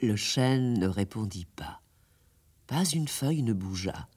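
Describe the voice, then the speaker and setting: A man narrating a classic tale in a radio drama, with an expressive telling. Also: lowish voice, slow, breathy edge. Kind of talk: scripted storybook narration.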